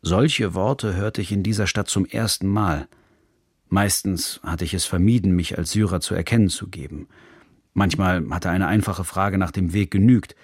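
Man, documentary narrator, gravelly, dry studio sound, measured and serious. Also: deep voice, fairly even intonation, no room sound. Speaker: narrator of a radio feature. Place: recording studio.

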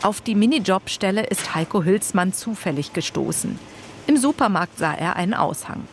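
Woman reading a news voiceover, lower voice, faint background noise. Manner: measured, even reading. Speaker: narrator. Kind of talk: scripted news narration.

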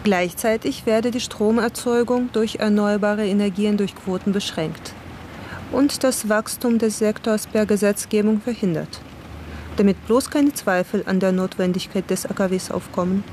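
A woman reporter giving measured documentary narration in a calm storytelling manner. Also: medium pitch, slight background noise.

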